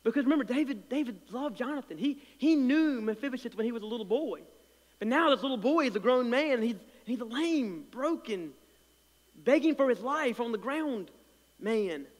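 A man preaching in a church sanctuary, his voice sitting high for a man and carrying a slight lisp. He surges loud with passion, then drops almost to a murmur, stacking repeated words as he builds. A long reverb trails every phrase. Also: lively intonation, normal speed. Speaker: pastor. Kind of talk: sermon.

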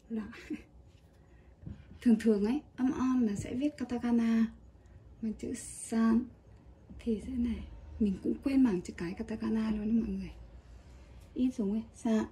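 A woman teaching a casual Japanese kanji lesson, chatty and relaxed with small laughs. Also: a little high, husky.

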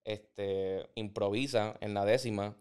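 Presentador puertorriqueño animado, voz limpia. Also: male voice, lowish voice, takes it slowly, clean tone. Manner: animated, opinionated, mixes in English. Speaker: podcast host. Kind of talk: casual interview.

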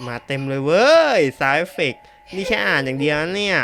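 A man's voice: fairly high pitch, fast, pushed and bright, faint music behind. A man playing through a horror game, reading its text aloud and yelping and swearing at scares. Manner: jumpy, yelps and swears at scares. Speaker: gamer. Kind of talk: horror game playthrough commentary.

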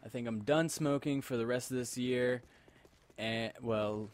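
This gamer commentator is tipsy from drinking, rambling and saying things twice as he chats with his viewers. His voice is mid-range and unhurried.

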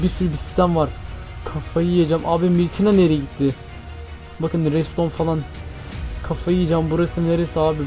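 A man narrates a game in a frantic rush, repeating phrases and calling out to his viewers as friends. His voice sits fairly high yet sounds warm and mellow. Faint music plays underneath. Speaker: Minecraft gameplay streamer. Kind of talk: excited gameplay commentary.

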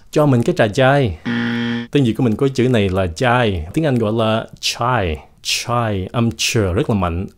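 A man whose first language is Vietnamese, teaching English pronunciation in a casual video lesson, slowly and deliberately demonstrating each word. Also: mid-range voice, darkish tone. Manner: slow, deliberate demonstration of words.

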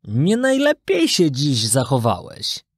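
A storyteller voicing a wise talking cricket who lectures in a calm, admonishing way. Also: medium pitch, slow pace, breathy edge, dry recording, clean studio sound, exaggerated voice. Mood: stern. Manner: preachy, admonishing.

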